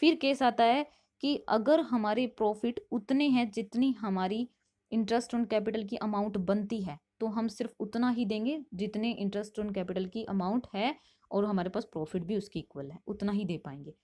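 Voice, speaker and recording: A woman's voice: medium pitch, dark tone. Hindi-speaking woman teaching commerce step by step. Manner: reads English questions slowly, explains quickly with frequent "theek hai". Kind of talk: exam-prep lesson explaining multiple-choice questions.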